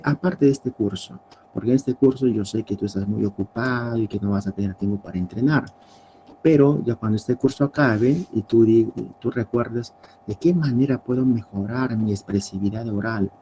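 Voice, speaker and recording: A man's voice: medium pitch, mellow, a little hiss or hum, poor audio. A male teacher lecturing a class, explaining step by step and often ending points with tag questions.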